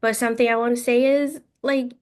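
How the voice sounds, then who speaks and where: A woman in her twenties from China, a guest telling her story in a casual interview, talking in halting phrases full of "like" and quoted thoughts. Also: on the high side, fairly even intonation. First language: Mandarin. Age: 20s. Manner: frequent "like" and "I was like" quoting, halting phrasing.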